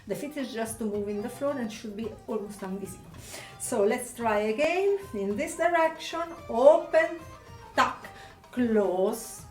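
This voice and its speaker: A woman's voice: a little high, expressive, moderate pace, a little mellow. Italian dance teacher lady counting steps, far from the mic, faint music playing. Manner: calls out counts and step cues while dancing. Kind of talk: dance lesson instruction. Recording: echoey room, distant mic, faint music.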